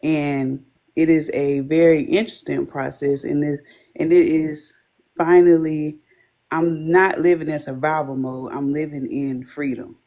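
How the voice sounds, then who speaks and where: Slow, earnest woman sharing her faith. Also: low-pitched, flat delivery, dark tone. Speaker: life coach for wives of addicts. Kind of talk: interview guest testimony.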